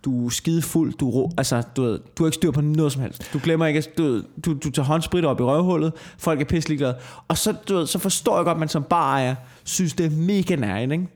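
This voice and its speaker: A man co-hosting a casual podcast from an office, ranting in crude, animated talk. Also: a little high, few pauses. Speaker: podcast co-host.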